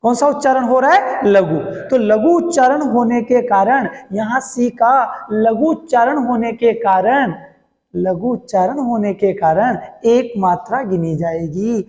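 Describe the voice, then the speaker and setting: High-pitched male teacher, reverberant room; chants verse slowly, quizzes the class, answers himself. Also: a little mellow, dull audio. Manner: recites verse lines slowly, then explains in quick bursts; quizzes students with questions, then answers himself. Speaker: Hindi teacher. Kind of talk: classroom lesson on poetic meter. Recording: echoey hall.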